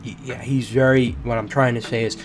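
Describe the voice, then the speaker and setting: Brisk and fairly flat in pitch movement, a medium-pitched man voices a boxing fight breakdown over music for his channel. His bad cold leaves him congested, and his casual narration includes slangy asides and loose restarts.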